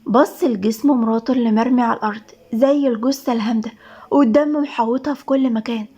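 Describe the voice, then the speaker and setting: A woman's voice: on the high side, fairly even intonation, fast talker, warm tone, lo-fi sound. A woman with an Egyptian accent narrating a dramatic romance story with emotive reading. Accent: Egyptian Arabic.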